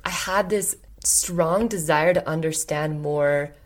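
A woman's voice: sits low, slow pace. A woman hosting a podcast, talking reflectively and openly with lots of casual fillers. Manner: thoughtful, many "like" and "you know" fillers. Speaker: podcast host.

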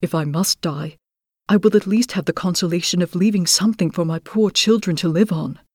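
A woman's voice: fairly low pitch, a little fast, no room sound, clean studio sound, lightly acted. A woman voicing a kindly, frightened older merchant and father in a storybook reading. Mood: sorrowful. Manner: pleading, sorrowful.

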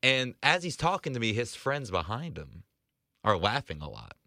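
A man in his twenties, an arena host, telling a story in casual podcast chat, rambling with restarts and quick laughs. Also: mid-range voice, huge pitch swings, gravelly, bright, forceful tone, no room sound, studio quality. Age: 20s.

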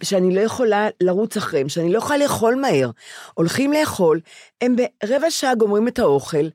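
A woman's voice: mid-range voice, big pitch swings, a little mellow, no echo, studio quality. An older woman chatting casually, telling her stories emphatically and often repeating herself. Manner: emphatic, repetitive storytelling. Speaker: podcast co-host. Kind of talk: casual chat.

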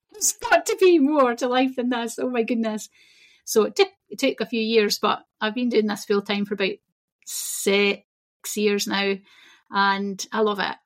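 A woman's voice: a little high, unhurried. Chatty Scottish woman guest. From Scotland. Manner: chatty, laughs easily, animated bursts. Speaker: guest, shamanism teacher. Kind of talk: casual interview chat.

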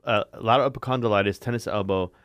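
A man's voice: lowish voice, steady tone, racing, a bit bright, clear, resonant tone, no echo, clean studio sound. A man who is an orthopedic surgeon, explaining injuries in a casual radio chat, repeating words and laughing easily.

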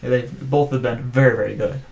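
A man co-hosting a casual sports podcast, giving his picks and stats in a measured, analytical way. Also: mid-range voice, steady tone, gravelly, darkish tone. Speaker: podcast co-host.

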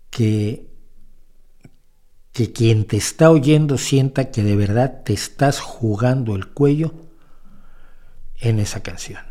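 Here a man with a dark tone and medium pitch hosts a program, replying to questions from viewers. He rambles casually, frequently starting over and correcting himself, and states his opinions emphatically.

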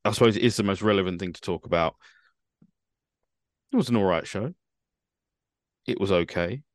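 A man's voice: low-pitched, normal speed, dry recording. A man hosting a casual podcast chat, giving dry, opinionated takes with wry asides. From United Kingdom. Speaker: podcast host.

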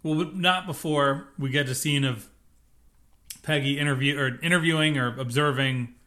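A man's voice: mid-range voice, normal speed, bright, forceful tone. A man co-hosting a podcast, chatting casually and rambling through an episode recap with many self-corrections. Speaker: podcast co-host.

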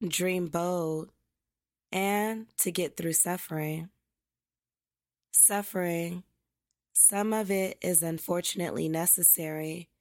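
Female meditation guide, lowish and very even in pitch, unhurried and deliberate, recorded close and dry. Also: no room sound. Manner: slow, deliberate, measured phrasing. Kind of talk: guided meditation and reflective spoken narration.

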